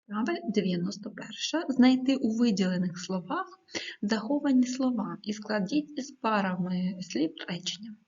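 A woman teacher giving a video lesson to schoolchildren, dictating words slowly and clearly with the odd hesitant filler. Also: medium pitch, animated, a little mellow. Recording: dull lo-fi recording.

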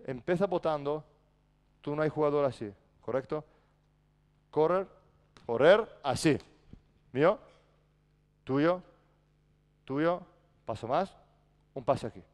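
A man's voice: fairly high pitch, takes it slowly, pauses often, a little mellow. A man coaching a basketball practice in a large indoor gym, barking short commands and then explaining patiently. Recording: echoey gym reverb.

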